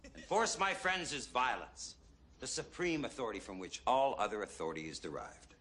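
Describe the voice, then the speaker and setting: An actor playing a stern male teacher who lectures his class in a forceful, commanding way. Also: medium pitch, very animated, moderate pace, background noise, close to an everyday voice.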